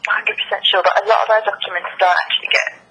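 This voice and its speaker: Female call handler heard down a phone line, bright, forward tone, hesitant and noncommittal delivery. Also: mid-range voice, little pitch movement, fast talker, slightly rough. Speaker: call handler taking a complaint. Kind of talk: customer service phone call. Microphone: telephone. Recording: voice over a telephone line.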